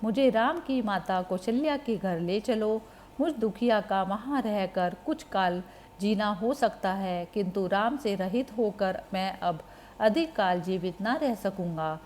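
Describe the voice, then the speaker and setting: A grief-stricken old king speaks softly and sorrowfully, as a woman puts on his words. His voice drops lower and quieter than the narration around it. The delivery is slow and heavy. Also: animated, a little hiss or hum, natural voice. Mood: grieving. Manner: sorrowful, subdued.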